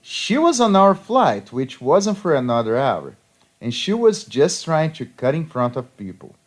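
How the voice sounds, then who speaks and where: A man's voice: a little high, very animated, measured pace. A man reading petty revenge stories aloud, with a sarcastic storytelling manner. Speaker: story narrator.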